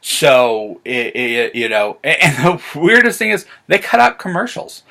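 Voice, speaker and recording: This American science fiction reviewer chats casually on his vlog, rambling with enthusiastic fan energy. His voice is a little high and a little slow, with some vocal fry.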